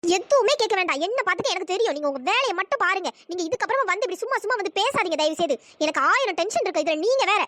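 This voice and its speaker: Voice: very high voice, expressive, rapid-fire, fairly bright tone, no echo, clean studio sound. A performer voicing an irritable young college woman in a cartoon story, scolding and exasperated. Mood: irritated.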